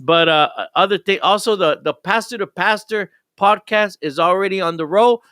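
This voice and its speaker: A man's voice: high voice, normal speed, pushed and bright, dry recording, clean studio sound. An older man, a pastor hosting a live radio show, talking in an enthusiastic, rambling way with frequent restarts.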